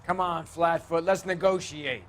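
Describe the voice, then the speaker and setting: A man's voice: on the high side, a little slow, a bit bright, slight background noise. A man playing a bitter, cornered 1940s crook in a video game, sarcastic and slangy. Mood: defiant. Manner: sarcastic slangy tough-guy talk. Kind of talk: dramatic video game acting.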